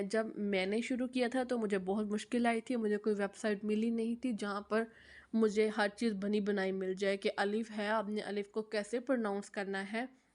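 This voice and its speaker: A woman's voice: medium pitch, darkish tone. A young woman giving a casual, chatty how-to talk about teaching online, with frequent fillers and repeated phrases.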